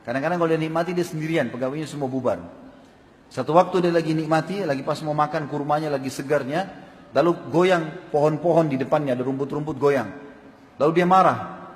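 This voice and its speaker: A male preacher delivers a sermon in a voice that sits a little high for a man, telling stories in a lively way. He fires questions at his listeners, and his words ring out with long hall reverb. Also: brisk. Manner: animated storytelling with questions to the crowd.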